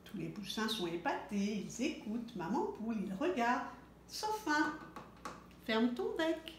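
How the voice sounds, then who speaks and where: Storyteller: woman, high lively sing-song reading, echoey room, faint hiss. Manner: slow, very expressive, sing-song. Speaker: storyteller for children. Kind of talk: reading a picture book aloud.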